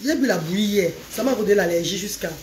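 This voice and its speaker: A woman chatting on a casual live stream, animated, calling her viewers "maman". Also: mid-range voice, quick pace. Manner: animated, calls viewers "maman", sings out names. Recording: echoey room with faint background noise.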